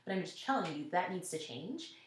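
Her pitch sits on the low side, and she delivers her answers briskly with a sing-song lilt. The Nashville, Tennessee woman, an executive with a school network, responds to interview questions thoughtfully and sincerely, often quoting people. There's slight background noise and a roomy echo.

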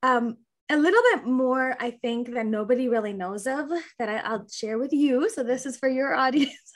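A bubbly, effusive woman from the Chicago area tells her story as a podcast guest. Her voice sits a touch higher than most, and she gushes and piles up likes as she goes. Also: normal speed. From Chicago area, United States. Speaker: guest, family physician. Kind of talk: podcast interview.

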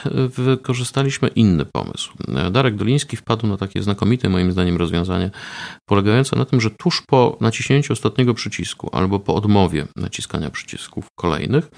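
A man being interviewed about research he ran, explaining in a measured way with frequent hesitation fillers. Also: lowish voice, gravelly. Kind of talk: conversational interview.

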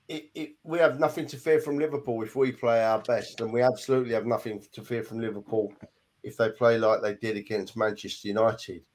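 A man chatting casually about football on a podcast, emphatic and full of "you know". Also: medium pitch. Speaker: podcast co-host.

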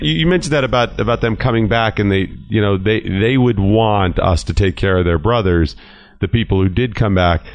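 A man's voice: lowish voice, moderate pace, no room sound, muffled recording. Male radio host in a dry studio. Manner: sympathetic, prompting questions. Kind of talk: radio interview.

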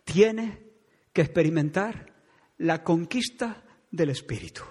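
A man's voice: fairly high pitch, lively intonation, slow pace, darkish tone. A middle-aged man preaching a sermon as pastor, impassioned and pleading. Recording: husky voice in long church reverb.

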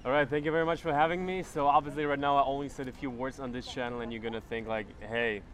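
Young man, twenties, relaxed chatty guest, mid-pitched, recorded outdoors. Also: fast, slight background noise. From Germany. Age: 20s. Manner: relaxed and chatty, with many fillers. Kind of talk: casual conversational interview.

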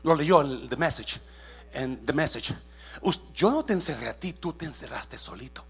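A man preaching a sermon, mixing Spanish with English phrases, speaking directly to the congregation with many questions and swinging between hushed asides and shouted calls. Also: mid-range voice, lively intonation, normal speed, slightly rough. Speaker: pastor. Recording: faint mains hum.

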